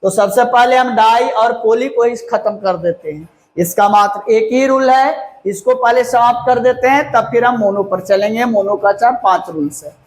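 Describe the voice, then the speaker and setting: A man teaching a grammar lesson to a class. He talks slowly and repeats key words, spells them out letter by letter and keeps checking whether the class understood. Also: very high voice, a little hiss or hum. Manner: slow, repeats and spells words out, asks "clear?". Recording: echoey room.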